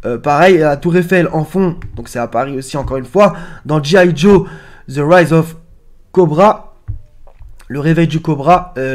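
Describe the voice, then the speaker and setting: A man commenting casually on film posters, pausing often with fillers and speaking straight to his viewers. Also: fairly high pitch, darkish tone. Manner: hesitant, many fillers, addresses viewers. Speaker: host.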